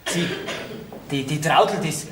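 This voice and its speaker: A man's voice: on the high side, takes it slowly. A young actor with a Bavarian accent, playing an earnest, teasing young man in a folk comedy. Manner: righteous, teasing. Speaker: stage actor. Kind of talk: folk theater comedy acting. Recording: echoey stage recording.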